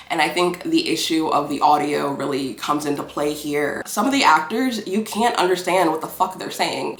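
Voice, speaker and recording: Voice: mid-range voice, fairly bright tone, reverberant. A film reviewer talking casually about a movie, rambling, cursing and playfully petty.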